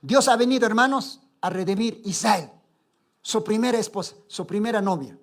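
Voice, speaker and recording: A man preaching a Sunday sermon as pastor, swinging between soft asides and loud exclamations and constantly calling the congregation his brothers. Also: high-pitched, expressive, normal speed. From Bolivia.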